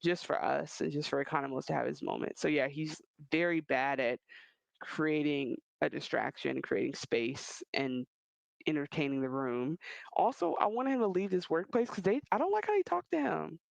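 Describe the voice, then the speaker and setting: Gravelly higher-pitched male podcast co-host. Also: no room sound, rough recording. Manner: animated, rambling, quick restarts. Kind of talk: casual chat.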